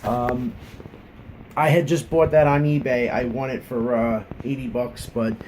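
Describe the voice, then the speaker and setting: A man's voice: mid-range voice, steady tone, unhurried, darkish tone, slight background noise. A man giving a casual hobby review, chatty and earnest, rambling with many fillers and restarts.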